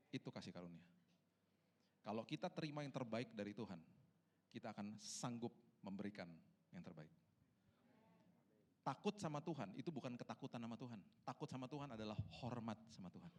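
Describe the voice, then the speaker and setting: A man in his forties preaching a sermon as pastor in a large church, telling stories and swinging between soft, hushed passages and loud, soaring ones. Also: medium pitch.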